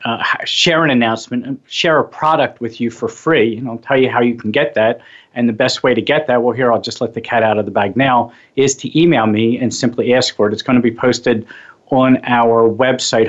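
A man hosting a radio show on hypnosis and mindfulness, talking casually in a rambling way and often correcting himself. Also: medium pitch. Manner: rambling, self-correcting, chatty. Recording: slightly muffled lo-fi audio.

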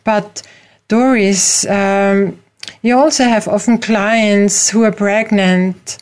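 Hosting a radio talk show, this middle-aged woman from Austria speaks slowly and hesitantly, filling pauses often, in an Austrian German accent. Her medium-pitched voice is steady, clear and resonant, and a little mellow.

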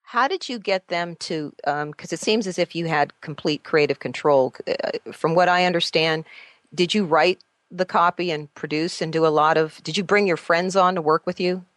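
A woman's voice: on the low side, moderate pace, fairly bright tone, dry recording. A woman hosting an interview, asking curious, chatty questions. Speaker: interview host. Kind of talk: radio interview.

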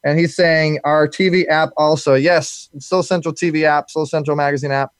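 A man's voice: a little high, fairly even intonation, normal speed, clear, resonant tone, dry recording. A man hosting a live show, talking loosely with many fillers and repeated words. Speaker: show host.

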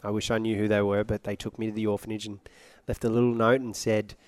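A man's voice: lowish voice, little pitch movement, quick pace, darkish tone, no echo. Playful man. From Iraq. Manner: playful and joking. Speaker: guest, singer. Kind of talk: interview conversation.

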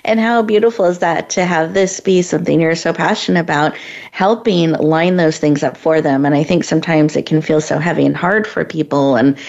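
A woman's voice: low voice, a little fast, vocal fry, a little mellow. A woman hosting an interview, introducing and encouraging her guest in an effusive way. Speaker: podcast host. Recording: dull lo-fi audio.

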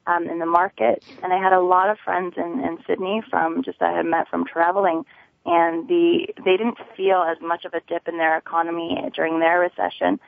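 Woman, thirties, creaky voice, halting conversational interview answers over a narrow phone line. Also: on the low side, flat delivery, dry recording. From Connecticut. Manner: hesitant, halting delivery. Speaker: real estate agent, interview guest. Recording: tinny telephone line.

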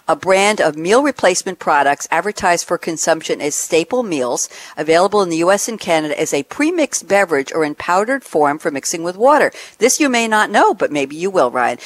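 A woman hosting a radio call-in show, chatting playfully with callers and reading bits aloud to them. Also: fairly low pitch. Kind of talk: casual chat.

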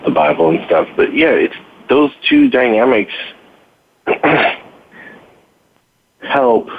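A middle-aged man, a father and podcast guest, telling stories earnestly in a casual chat, with lots of "you know". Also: on the low side. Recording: tinny phone-line sound with faint noise.

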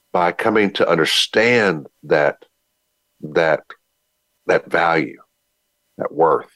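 Deep, firm, raspy male radio host. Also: fairly bright tone, no echo. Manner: firm, earnest, repeats phrases for emphasis. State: getting over sinus trouble, raspy. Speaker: talk show host. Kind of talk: motivational talk radio monologue.

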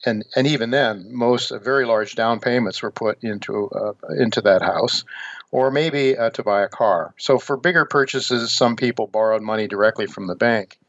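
An older man in his seventies from the United States speaks as a radio host in a dull, lo-fi recording. His pitch sits at an ordinary middle level. He explains things in a measured monologue, pausing and hesitating as he goes. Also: a bit bright, no echo. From United States, Ohio. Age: 70s. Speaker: radio show host and newsletter editor. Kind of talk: radio monologue on financial markets.

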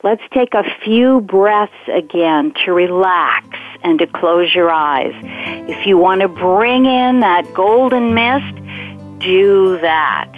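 A woman guiding a meditation in a measured, instructive way, pausing between phrases. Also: fairly low pitch, animated. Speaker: meditation guide. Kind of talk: guided meditation and spiritual teaching. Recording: tinny phone-like line with music behind.

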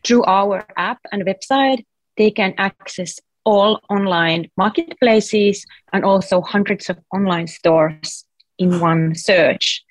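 Explaining her app as a guest on an interview program, a woman from Finland talks in a friendly, chatty, explanatory manner, leaning on "like" as filler and speaking with a Finnish accent. Her medium-pitched voice moves at a slow pace with no room sound.

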